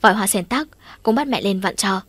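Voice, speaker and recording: A woman narrates a first-person audiobook story. Her reading is even and conversational, with a wistful touch and a middle pitch. The recording is dry and close. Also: a little fast, husky, no room sound.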